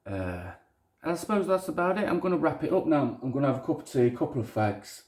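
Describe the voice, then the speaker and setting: A man's voice: a little high, animated, fast, darkish tone. A man with a Leicester accent talking off the cuff in a blunt, sweary, self-deprecating way, like a maker presenting his own project. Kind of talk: casual unscripted monologue. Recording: roomy, echoey indoor sound.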